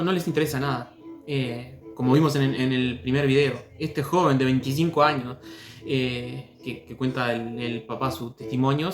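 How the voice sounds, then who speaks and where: A man hosting a commentary video, speaking calmly with frequent hesitations while telling his own story. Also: medium pitch. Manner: hesitant, many fillers and restarts, calm. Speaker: host commenting on testimonies. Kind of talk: critical commentary and personal story. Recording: echoey room.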